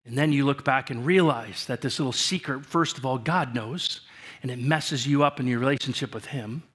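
A male pastor preaching a sermon in a church, speaking to the congregation in earnest and often restarting his sentences, his voice falling soft at the ends of phrases. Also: medium pitch, moderate pace, breathy edge. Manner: earnest, repetitive direct address with frequent restarts.

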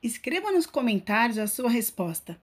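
A woman's voice: a little high, sing-song, moderate pace, husky. A woman narrating a scripted grammar lesson as a teacher, stretching out key words.

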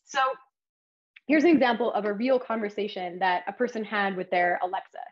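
A woman's voice: mid-range voice, brisk, dull audio. A woman giving an academic lecture, explaining her research in an enthusiastic, conversational way.

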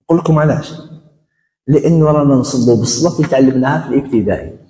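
A man with an Algerian accent giving a religious lecture as an educational counselor, animated and acting out little dialogues as he goes. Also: medium pitch, very fast. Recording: roomy hall reverb.

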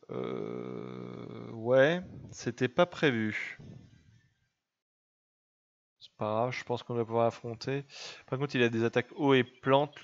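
A young man talks through his gameplay in a relaxed, chatty way at a middling pitch, teasing the creature on screen now and then. The sound is a bit dull, from a modest home mic. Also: gravelly. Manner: chatty, teasing his game pet, laughs often. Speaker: let's play gamer. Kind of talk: casual gameplay commentary.

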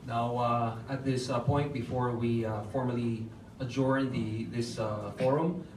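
A young man acting as master of ceremonies at a formal award ceremony, politely calling people up with many hesitant pauses. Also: mid-range voice, steady tone, slight background noise. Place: hotel function room, at a lectern. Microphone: lectern microphone, filmed from far off. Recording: roomy far-off hall sound with music. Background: background music.

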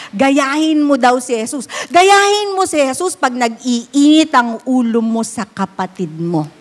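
A woman preaching a sermon to a congregation, animated and conversational, often slipping into English phrases. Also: sits high, long reverb tail.

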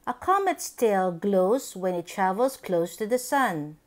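A children's book reader and channel host with a medium-pitched voice reads a picture book aloud to young kids. Her phrasing is simple, deliberate and expressive.

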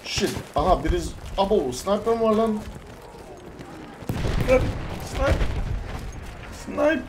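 A man talks through a shooter match in a casual, excitable way, slightly higher in pitch than most men. He swears and barks orders at his teammates. Loud gunfire and explosions from the game fill the recording. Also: brisk, background noise. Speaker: gamer. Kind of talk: casual gameplay commentary. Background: game gunfire and bombardment.

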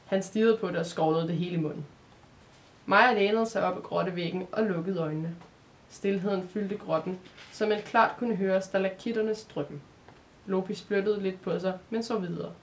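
Calm woman reading a storybook. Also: mid-range voice, slight background noise. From Denmark. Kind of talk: storybook narration.

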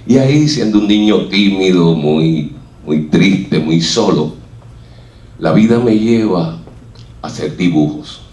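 On stage in a hall before an audience, a man from Puerto Rico with a Puerto Rican Spanish accent tells his life story, acting out what others said. His voice is deep, a little mellow and slow with lively intonation, recorded from a distance in an echoey hall.

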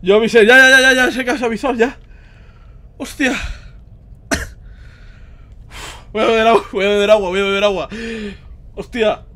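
High, bright-voiced Spanish streamer. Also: male voice, fairly even intonation. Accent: Spain. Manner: screams and panics, rapid repeated words. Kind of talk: live horror game commentary.

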